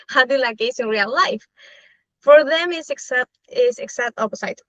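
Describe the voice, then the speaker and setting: A young woman with a Chilean Spanish accent, speaking English as a second language, answers thoughtfully in a casual interview and often fills pauses with "eh". Her voice sits a little high, and the recording sounds dry and slightly dull, like a lo-fi setup. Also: a bit bright, no room sound. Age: young adult. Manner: thoughtful, with frequent "eh" fillers. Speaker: interviewee, law student.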